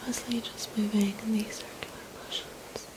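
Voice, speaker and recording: A woman's voice: medium pitch, level tone. Whispering woman in a spa massage role-play. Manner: soft, soothing spa whisper with gentle, unhurried phrasing.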